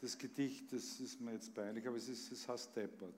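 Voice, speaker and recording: A man's voice: mid-range voice, fairly even intonation, fairly quick, noisy background. A man with an Austrian accent reciting comic poems on stage with a theatrical, emphatic delivery. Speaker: actor reading on stage.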